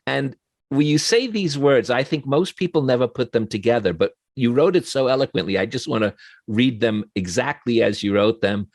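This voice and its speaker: A man's voice: medium pitch, normal speed, no echo. A man with a New York accent hosting an interview, asking earnest, admiring questions. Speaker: interview host.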